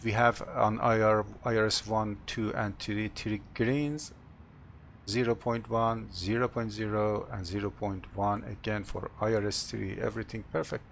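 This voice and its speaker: A man who is a non-native English speaker, working as an airline captain, talking through cockpit procedures and announcements in short, halting, procedural phrases. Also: fairly low pitch, fairly even intonation, creaky, slight background noise. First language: not English. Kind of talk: cockpit procedure narration, checklist callouts and announcements.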